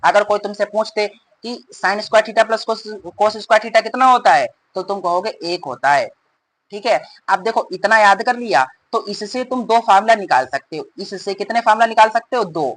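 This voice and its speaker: A male math teacher explaining formulas in a rapid, repetitive way and calling his students "beta". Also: sits high, fairly bright tone, rough recording. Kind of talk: fast classroom explanation.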